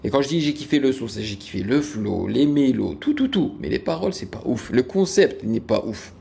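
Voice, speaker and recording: Hosting a music reaction, a man in his late thirties talks frankly and rambles, with plenty of fillers and restarts. His medium-pitched voice is expressive and warm, fairly quick, with some vocal fry.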